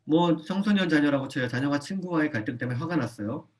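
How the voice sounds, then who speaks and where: A man's slightly high voice moves at a quick pace during a church parenting lecture in a church hall. He speaks energetically, checks comprehension, repeats his key points and often plays a parent's lines in a soft voice.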